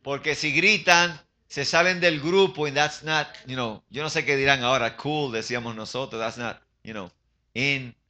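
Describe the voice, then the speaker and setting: An older man preaching a sermon in a church, animated, asking his congregation questions and slipping into English phrases. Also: medium pitch, normal speed. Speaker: pastor.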